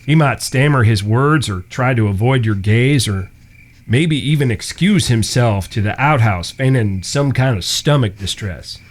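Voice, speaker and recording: In a western audio drama, an actor plays a teasing younger brother, an Old West cowboy who talks in a folksy, mischievous manner. His male voice is mid-range, animated and a little slow, with music in the background.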